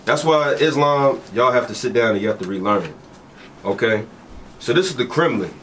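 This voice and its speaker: A man preaching forcefully in a heated street debate, repeating and pressing his points. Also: medium pitch, lively intonation, moderate pace, slight background noise.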